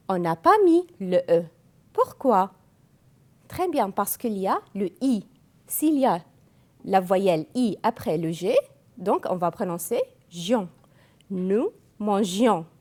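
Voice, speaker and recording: A woman whose first language is Arabic, teaching French grammar slowly, spelling out verb endings and repeating each form. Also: medium pitch, warm tone. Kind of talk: classroom grammar lesson.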